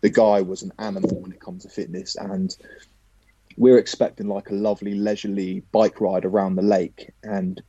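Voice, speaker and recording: A man, a professional footballer, telling a lively anecdote as a podcast guest, casually swearing now and then. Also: sits low, normal speed, slightly rough, no room sound, dull audio.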